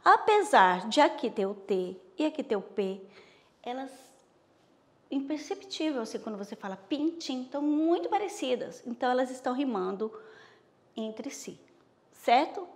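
A woman primary school teacher with a Bahian accent, giving a slow, patient recorded lesson and checking in with her pupils often. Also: high-pitched, sing-song, long reverb tail. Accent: Bahian Brazilian Portuguese.

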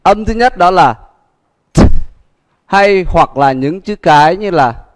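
A man with a Vietnamese accent teaching English pronunciation in a livestream lesson, drilling words slowly and repeating them with many fillers. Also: high voice, animated, long reverb tail.

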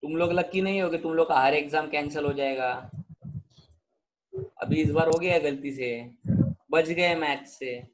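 High-voiced man teaching accounts online. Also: a little slow, pauses often, rough recording. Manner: switches between Hindi, Marathi and English, questions students often. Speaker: commerce teacher.

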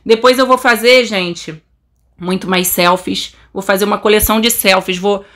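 A young Brazilian woman with a Brazilian Portuguese accent commentating a game update, so excited she says she is trembling, gushing and exclaiming constantly. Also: medium pitch, normal speed. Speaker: game channel host.

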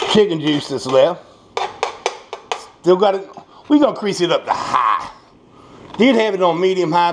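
An American home cook presents a recipe at the stove of his small kitchen in a voice on the high side, folksy, salty-tongued, and off-the-cuff, often saying things twice. The recording clearly picks up pans and utensils clattering, food frying, stirring, and dishes clinking.

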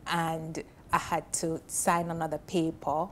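A TV panel guest, a woman in her thirties with a Jamaican accent, speaks at a measured pace in a low voice. She tells her personal story with earnest feeling and moves her hands animatedly. The sound comes from a lapel mic on a studio sofa set, with a bit of background noise.

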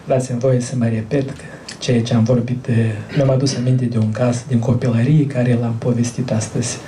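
A man with a Moldovan Romanian accent giving a formal speech at a library event, pausing often with hesitations. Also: mid-range voice, little pitch movement, mellow, distant mic, a little hiss or hum. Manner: halting, frequent hesitations. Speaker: event speaker.

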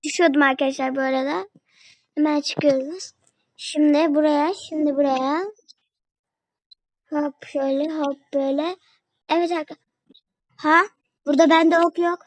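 A woman's voice: high-pitched, rough recording. A young woman giving casual commentary on a phone game, chatting to her viewers and a friend as she plays. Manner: chatty, talks to viewers and a friend while playing. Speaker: gaming video creator.

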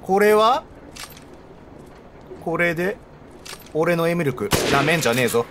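A man commentating his gameplay, joking and yelling at characters on screen. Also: fairly high pitch, unhurried, slight background noise. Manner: animated, joking, talks back at the screen. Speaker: let's play streamer. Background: game music.

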